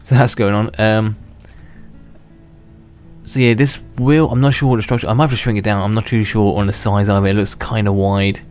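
A young gaming channel host, a man, rambles casually while he plays, restarting sentences and chuckling to himself. His voice sits on the low side with a darkish tone, brisk and flat in delivery, and a little worn from being unwell. Faint music plays beneath him.

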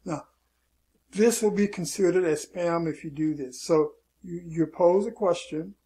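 A man's voice: a little high, gravelly, warm tone, slightly rough. A man teaching an online marketing lesson in a loose, casual way, often saying "okay" and repeating his warnings. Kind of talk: casual screen-share tutorial.

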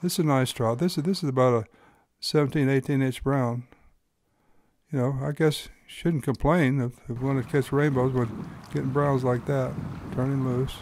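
A man's voice: medium pitch, steady tone, normal speed, darkish tone. A man hosting and narrating his own fishing video in an easygoing, folksy explaining manner. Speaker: fly-fishing guide and host.

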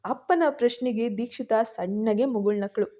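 Warm-voiced woman narrating a story. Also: a little high, moderate pace.

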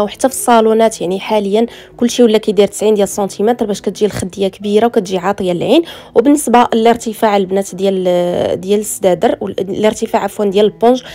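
A woman's voice: a little high, mellow. A woman speaking with a Moroccan Arabic accent, giving a chatty voice-over tour of her living room, mixing in French words and calling her viewers "girls". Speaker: home decor vlogger.

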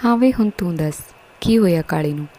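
A woman's voice: fairly low pitch, expressive, a little fast, warm tone. A woman voicing a stern, scolding middle-aged village headman in a story. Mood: commanding. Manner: scolding, commanding.

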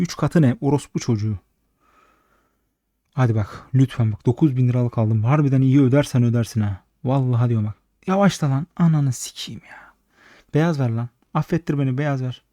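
A man giving casual, frustrated slot commentary, swearing constantly and talking at the machine, slightly hoarse late at night. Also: mid-range voice, dark tone, no room sound. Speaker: slot streamer.

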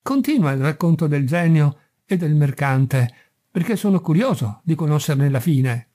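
A man reading as a commanding sultan who issues curt orders. The voice is somewhat high and warmly mellow. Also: animated, moderate pace, dry recording, clean studio sound.

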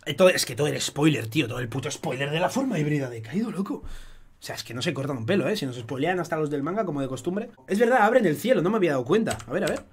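Excitable young man with a Spanish accent. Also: a little high, fast, music in the background. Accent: Spain Spanish. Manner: excitable, swears a lot, chatty fan banter. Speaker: streamer analyzing an anime opening. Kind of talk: casual live-stream commentary.

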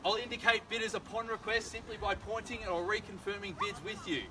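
An Australian auctioneer in his thirties runs a live property auction on a suburban street, delivering brisk, persuasive sales patter in a high-pitched, steady voice. It is captured by a far-off outdoor camera with no microphone, amid loud street noise.

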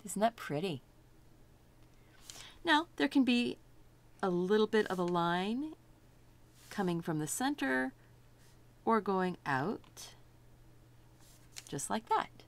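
Slow, lively-voiced woman teaching painting. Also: medium pitch. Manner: chatty, self-delighted, thinking aloud while working. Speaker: art instructor. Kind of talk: step-by-step painting lesson.

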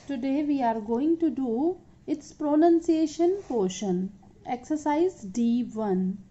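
An Indian woman teaching a children's English lesson, reading each word aloud slowly and deliberately. Her voice sits high but sounds mellow. The audio is dull and lo-fi. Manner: switches between English and Hindi.

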